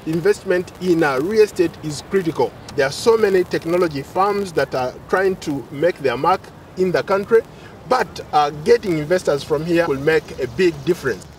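A man's voice: fairly high pitch, expressive, distant mic, slight background noise. A man reporting for the news outdoors, speaking with many "uh" fillers. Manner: measured, with frequent "uh" fillers. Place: outdoors on a lawn by city buildings. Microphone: handheld mic held at chest.

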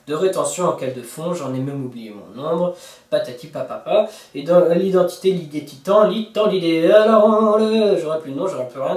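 A man's voice: fairly high pitch, a little mellow, recorded from a distance. A man teaching a song on guitar, talking casually to the viewer, counting beats and singing bits of the lyrics. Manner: talks to the viewer informally, counts beats and sings lyric snippets over guitar. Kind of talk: guitar tutorial explanation. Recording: roomy, from off-mic, with guitar playing.

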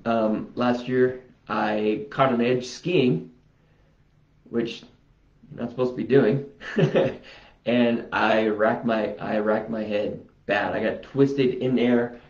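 Slow-talking man in a roomy, dull recording. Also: medium pitch, fairly even intonation, a little mellow. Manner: unhurried, rambling, talks to himself. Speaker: vlogger. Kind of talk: casual self-healing demonstration vlog.

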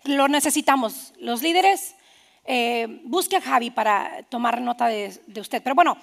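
Woman pastor in her thirties, a high, gravelly voice, animated preaching with soft whispered asides. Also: normal speed. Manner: animated, quoting others in asides. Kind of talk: sermon.

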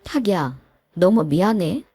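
A woman voicing a meek, apologetic young husband who pleads softly. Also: on the low side, very animated, measured pace, breathy edge, no room sound, full character voice.

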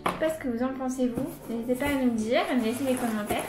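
A woman's voice: on the high side, steady tone, racing, a little mellow. A woman unboxing items in a casual, chatty, enthusiastic way, with many fillers. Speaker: unboxing vlogger. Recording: echoey room with light music.

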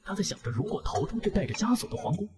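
A man narrating a fantasy romance comic recap in a brisk storytelling manner. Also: high voice, very animated.

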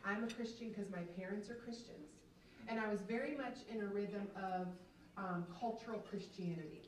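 A woman in her thirties from Atlanta, in the American South, gives an earnest faith testimony as keynote speaker, telling her story emphatically into a handheld mic in a large banquet room. Her voice is medium-pitched and darkish at a moderate pace, with a little hiss or hum. She's captured from far off in an echoey hall.

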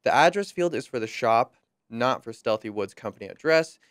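Smooth-voiced young man guiding a tutorial. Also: medium pitch, lively intonation, moderate pace, no echo, studio quality. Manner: friendly, upbeat, with light jokes. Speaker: software tutorial presenter. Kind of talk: screen-recorded software walkthrough.

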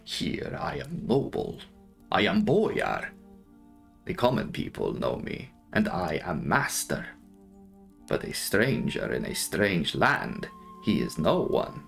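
A man voicing a courtly, commanding Transylvanian count in an audiobook, speaking in formal, drawn-out, measured phrases with a sinister edge. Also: low-pitched, huge pitch swings, vocal fry, faint music behind, heavily acted. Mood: grave, proud. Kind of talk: dramatic audiobook character reading.

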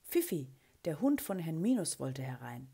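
A woman with a low, breathy voice reads a children's storybook aloud. Her tone is soft and husky, and she lifts the characters' lines with a lively, expressive delivery. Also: normal speed. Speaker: children's book reader.

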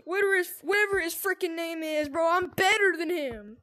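High-voiced taunting gamer girl. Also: brisk, sharp tone. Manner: taunting, repeats "bro" constantly. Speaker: gameplay streamer. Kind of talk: trash-talking VR game chat.

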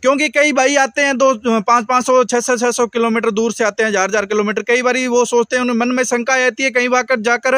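High-voiced man hosting a farm interview. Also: level tone, brisk, hardly any pauses, sharp tone, dry recording. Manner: repetitive, leading questions with polite "ji". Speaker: dairy channel host interviewing a buyer. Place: outdoors at a buffalo farm. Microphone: small handheld mic.

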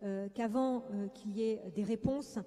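Her voice a little high, warm, steady, and a bit slow, a woman clinical psychologist lectures at a conference. She hesitates often and uses many fillers, and the hall's echo is audible.

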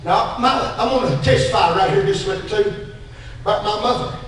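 A man with a Southern US accent preaching a sermon, swinging between loud shouts and hushed asides. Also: high-pitched, fairly quick, a little hiss or hum. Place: church sanctuary. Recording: very echoey church from far off.

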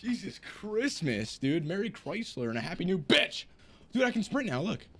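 A male streamer giving live gameplay commentary, jumpy and swearing, swinging from low mutters to sudden yells. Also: big pitch swings, moderate pace, slightly rough. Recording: game music in the background.

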